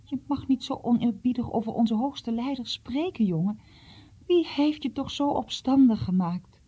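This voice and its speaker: A grieving, devout mother in a storybook scolds her son in a dark, husky voice, as a woman reads her. Her tone is reproachful and tearful. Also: fairly high pitch, moderate pace, voice pushed up.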